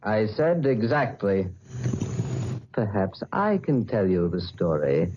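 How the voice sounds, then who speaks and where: Philip Blake, slow, suave masked avenger. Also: male voice, lowish voice, sing-song, noisy background. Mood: menacing calm. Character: masked, cold, mysterious playwright seeking revenge. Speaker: narrator. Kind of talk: 1940s radio acting. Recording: muffled old radio recording with music.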